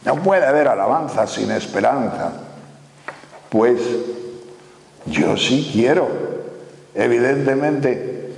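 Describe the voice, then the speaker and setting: A man's voice: medium pitch, lively intonation, slow pace, creaky, pauses often, darkish tone, a little hiss or hum. Man, 80s, sermon, earnest rhetorical questions, roomy reverberant recording. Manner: earnest, rhetorical questions, repeats words while searching. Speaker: preacher. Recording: echoey hall with long reverb.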